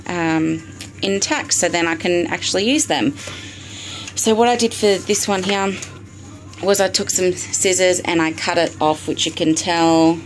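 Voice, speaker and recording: An Australian woman filmed on a phone video in her bedroom at night, chatting through a step-by-step DIY craft tutorial with frequent ums. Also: fairly low pitch. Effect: recorded on a phone video. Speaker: vlogger. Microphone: phone camera.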